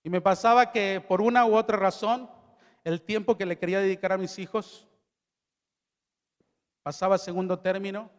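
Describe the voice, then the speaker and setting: A man's voice: high voice, steady tone, moderate pace, long pauses. A middle-aged male pastor preaching a sermon. He reads scripture aloud and asks the audience questions. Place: large hall at a youth event. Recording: long hall reverb.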